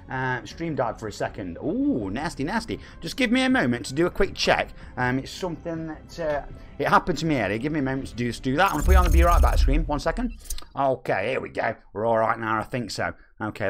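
A man in his forties with a Nottingham accent, chatting casually on a live stream and reading viewer comments aloud in a cheeky way. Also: medium pitch. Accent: Nottingham English. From England. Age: 40s.

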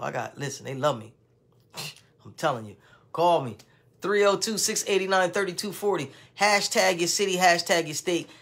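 A man's voice: fairly high pitch, a bit bright. A man hosting a casual live stream, talking in a laid-back, folksy way and constantly adding "man" and "you know what I mean.". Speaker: in-home care guide and host of live stream.

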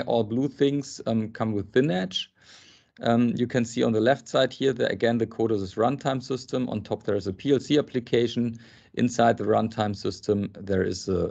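A man in his thirties giving a technical presentation on a video call from an indoor office, halting often with ums and restarts. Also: medium pitch, vocal fry, a little mellow. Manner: hesitant, many ums and restarts. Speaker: software architect presenting. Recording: dull lo-fi video call audio.

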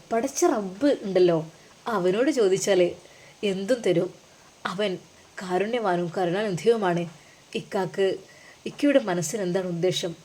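A woman's voice: mid-range voice, warm tone, close to an everyday voice. A woman voicing a devout young man who earnestly consoles his older brother. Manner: soothing, earnest, reassuring.

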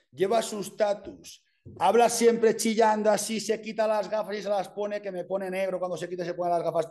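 A man with an accent from Spain, giving an energetic, casual mentoring talk full of slang and swearing. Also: sits high. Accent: Spain Spanish. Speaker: personal branding mentor.

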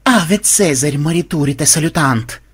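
A man's voice: on the high side, big pitch swings, normal speed, a bit bright, slight background noise, voice pushed up. A man voicing a grumpy, misanthropic male programmer who snaps and grumbles. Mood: gruff. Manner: gruff, snapping growls.

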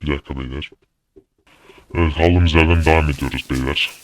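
A young man giving angry gameplay commentary, swearing and shouting at the game in a fury. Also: extremely low pitch, steady tone, fairly quick. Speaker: gaming YouTuber.

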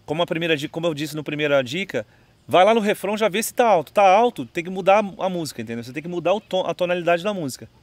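In a singing lesson on video, a Brazilian man speaks with a Brazilian Portuguese accent in a high, expressive voice, talking rapid-fire with no echo. Casual and chatty, he keeps asking "entendeu?" while his own guitar plays behind him.

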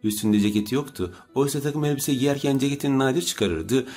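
A man narrating an audiobook in a steady, measured way. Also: medium pitch, slightly rough. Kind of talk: scripted narration.

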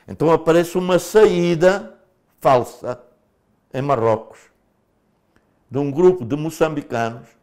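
In an animated studio interview full of casual fillers, an older former liberation fighter from Mozambique recounts his story. His voice is on the high side.

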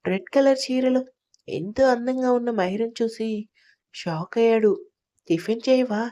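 A woman narrating an audio story in a calm, soft and even storytelling manner. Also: on the high side, normal speed, highs cut off.

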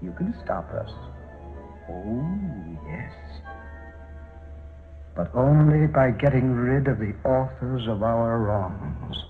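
An actor playing a sinister criminal mastermind as the voice of death in a 1940s serial, menacing and theatrical, with a grim reaper manner. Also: male voice, mid-range voice, lively intonation, slow, long pauses. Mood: grim menace. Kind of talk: 1940s film serial villain acting. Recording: muffled old film soundtrack with loud music.

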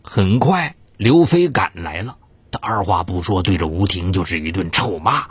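A man's voice: expressive, moderate pace, breathy edge, no echo. A man narrating a dramatized true-crime story in a theatrical, suspenseful way. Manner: theatrical, swings of pitch for suspense.

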